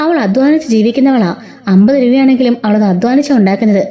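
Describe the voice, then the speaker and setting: A woman's voice: a little high, quick pace, mellow, close to an everyday voice. A woman voicing an indignant young husband who defends his wife against his mother in a retold serial story, in her own voice. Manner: indignant, scolding.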